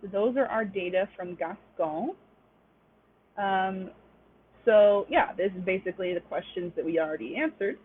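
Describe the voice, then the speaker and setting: A woman's voice: medium pitch, normal speed, slightly rough. A young woman teaching a webinar class, explaining step by step with frequent "um" fillers. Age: young adult. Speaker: webinar instructor. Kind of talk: online lecture. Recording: tinny lo-fi webinar audio.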